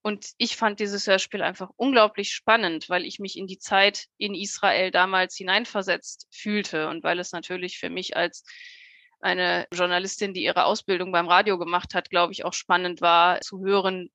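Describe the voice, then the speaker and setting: A young woman, a radio-trained journalist and jury member, is a podcast guest in a conversational interview full of opinions and anecdotes. She's talkative and emphatic, with a sharp, lowish voice. There is no room sound.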